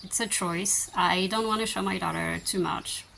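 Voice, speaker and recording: A woman in her thirties with a French accent answers viewer questions in a calm, unhurried way. Her voice sits a little low, and she talks it through thoughtfully. There is a faint hiss in the background. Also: vocal fry. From France. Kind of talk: casual Q&A chat.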